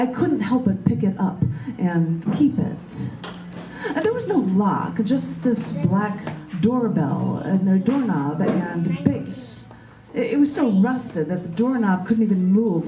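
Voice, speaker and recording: A distant microphone in an echoey room records a woman poet at a large bookstore's indoor open mic, where she reads and chats casually. Her mid-range voice is warm, unhurried, and lively in intonation.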